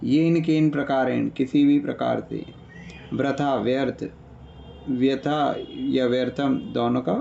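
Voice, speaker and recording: A man's voice: mid-range voice, fairly even intonation, slow, creaky, warm tone, dull audio, a little hiss or hum. A man teaching an online grammar class, patiently explaining and listing word meanings, often checking in with his students. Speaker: Sanskrit teacher. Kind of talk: online class revision lecture.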